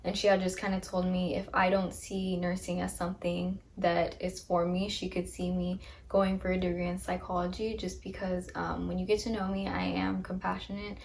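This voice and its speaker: A woman's voice: fairly low pitch, little pitch movement, normal speed, vocal fry, few pauses. Young woman in her twenties, casual Q&A host, bubbly, phone-recorded, faint noise behind. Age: 20s. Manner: upbeat, chatty, frequent ums. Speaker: podcast host. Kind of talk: casual get-to-know-me chat. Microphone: phone camera.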